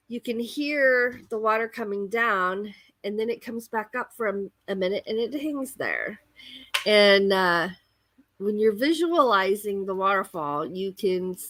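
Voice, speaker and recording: Bright-voiced woman chatting at leisure. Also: mid-range voice, no echo. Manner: expressive, rambling storyteller. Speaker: host of a crafting livestream. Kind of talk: casual chatty livestream monologue.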